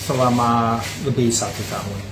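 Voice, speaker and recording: A native English-speaking man with an Australian accent, giving a casual interview in halting, simple Indonesian as a foreign learner. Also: medium pitch, fairly even intonation. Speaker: interview guest. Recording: roomy echo, clear background noise.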